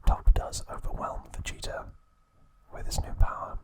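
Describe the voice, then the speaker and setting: An ASMR host whispers a recap of trivia in a slow, soft voice. Now and then he pauses to correct himself.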